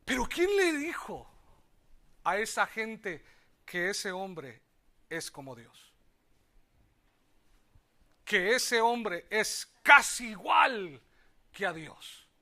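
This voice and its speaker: A Mexican pastor preaching in a high, bright voice that rings clearly over the church. He takes his time, swinging from loud cries to low asides and asking the congregation to repeat his words. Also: big pitch swings, drawn-out words, long pauses. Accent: Mexican Spanish. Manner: calls on the congregation to repeat after him. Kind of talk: sermon.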